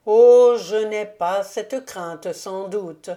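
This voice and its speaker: A woman's voice: fairly low pitch, unhurried, dark tone, lightly acted. A woman reading the part of a stern, sorrowful old male count in an audiobook, grave and sadly ironic.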